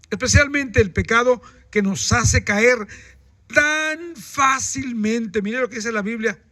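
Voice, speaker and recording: High-voiced pastor preaching. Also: male voice, bright, forceful tone, dry recording. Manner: preaching with rhetorical questions to the congregation. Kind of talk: sermon.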